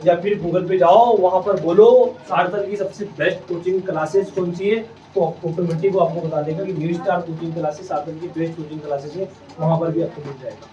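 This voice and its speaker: A man's voice: on the high side, level tone, fairly quick, few pauses, dark tone, slight background noise. Guy teaching kids to read, asks the same thing over and over, sounds kinda dull and far off. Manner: patient, repeats questions, drills sounds. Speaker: English reading teacher. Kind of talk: classroom teaching to children. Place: classroom. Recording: echoey room, distant mic, slightly dull.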